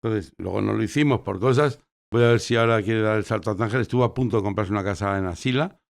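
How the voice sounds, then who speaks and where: A man's voice: on the low side, quick pace, creaky. A man from Spain, a journalist and filmmaker, chatting as a guest in a playful, joking way and often repeating himself. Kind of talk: casual conversational interview.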